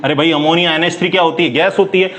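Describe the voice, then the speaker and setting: Brisk man teaching chemistry, high-pitched. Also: steady tone, a bit bright, slight background noise. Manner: asks quick questions and answers them himself, coaxing; calls listeners "bhai", brisk and chatty. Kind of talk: classroom lecture.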